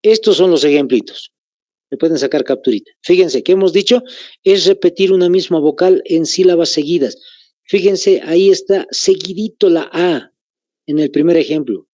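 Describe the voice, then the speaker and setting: A man with a Bolivian Spanish accent teaching a grammar lesson, slowly repeating phrases so students can take notes. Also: fairly high pitch, dark tone, dry recording, lo-fi sound.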